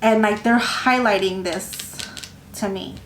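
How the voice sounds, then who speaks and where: A woman giving a casual tarot reading, talking in a rambling, halting way with many fillers and restarts. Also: medium pitch, noisy background. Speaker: tarot reader. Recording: echoey room with faint ambience.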